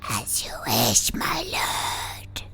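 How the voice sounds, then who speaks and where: A woman voicing a sinister undead ghost in a breathy whispered ghost voice while reading out a game. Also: extremely slow, pushed and bright. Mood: grim. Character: sinister undead oathbreaker ghost, servant of the Dark Lord. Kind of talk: character voice in a game read-aloud.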